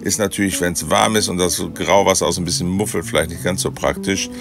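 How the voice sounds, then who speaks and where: A man giving a relaxed, chatty voice-over tour of a campsite, with many hesitation fillers. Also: sits low, fast, gravelly, over music. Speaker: motorhome travel vlogger.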